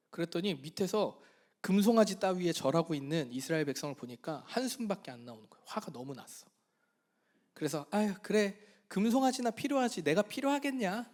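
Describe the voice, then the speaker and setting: A male pastor preaching a sermon in an animated, storytelling way, often turning to the congregation with questions. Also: high voice.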